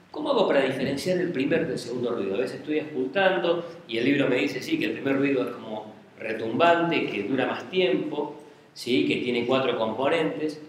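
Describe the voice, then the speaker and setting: A man giving a medical lecture, explaining step by step and checking in with the class often. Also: mid-range voice. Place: lecture room. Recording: very echoey classroom with faint hiss.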